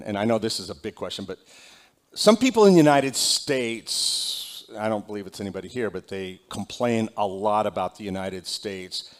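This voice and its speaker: A man, a pastor, giving church announcements and interviewing a guest in a loose, conversational way with many fillers and restarts. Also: fairly low pitch. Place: church sanctuary.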